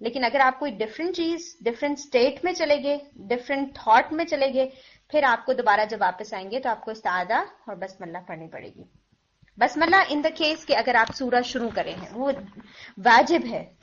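A woman's voice: fairly high pitch, lively intonation, normal speed, fairly bright tone. A woman teaching the rules of Quran recitation, explaining step by step with patience and mixing in English words. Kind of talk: tajweed lesson. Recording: dull lo-fi recording.

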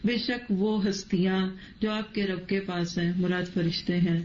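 High, monotone male Quran teacher. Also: highs cut off, a little hiss or hum. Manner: recites verses in Arabic, then explains them slowly. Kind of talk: Quran commentary lecture.

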